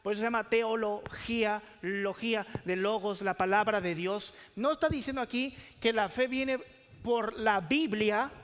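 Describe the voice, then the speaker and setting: A man's voice: high voice, normal speed, hardly any pauses, fairly bright tone, long reverb tail. A man preaching a sermon as pastor, asking the congregation questions and calling for answers.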